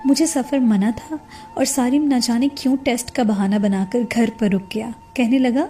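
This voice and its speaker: A woman narrating a first-person domestic story in a soft, hushed storytelling manner. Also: fairly high pitch, breathy edge. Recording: faint background music.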